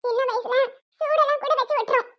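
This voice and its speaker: A woman's voice: very high-pitched, fairly even intonation, fairly quick. A woman voicing an earnest little boy who loyally pleads for his elder sister in a cartoon. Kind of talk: cartoon voice acting. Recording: dull lo-fi sound.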